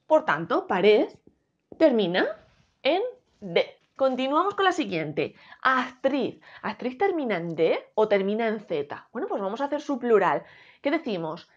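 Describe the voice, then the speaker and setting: A woman teaching a spelling lesson with a Spain Spanish accent, speaking slowly and emphatically and asking the listener rhetorical questions. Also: on the high side. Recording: dull lo-fi sound.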